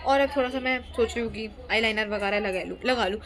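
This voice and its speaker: A woman's voice: a little high, quick pace, a bit bright. A young woman telling a story casually to her phone camera at home, rambling and chatty, dropping English words into her talk. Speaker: vlogger.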